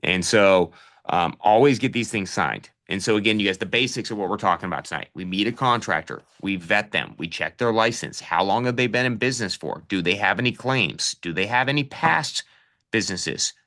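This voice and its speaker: A real estate investing coach runs a live online coaching session in a bright, expressive, fairly low voice, speaking fairly quickly. He's casual, calls listeners "you guys", and gives direct practical advice full of fillers.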